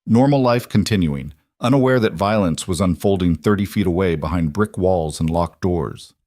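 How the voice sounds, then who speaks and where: A man narrating a scripted Western story in a steady, measured way. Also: low-pitched, dry recording, studio quality.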